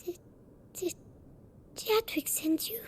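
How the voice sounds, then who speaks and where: A woman playing a frightened, pleading young girl held captive in a video game, speaking in a halting, tremulous half-whisper. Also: extremely high pitch, dark tone, slight background noise. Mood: scared, halting.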